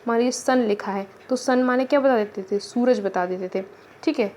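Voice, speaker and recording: Indian woman teaching, fairly high voice. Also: normal speed, a little mellow, slight background noise. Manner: repeats key points, checks in with listeners. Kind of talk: exam-prep lecture.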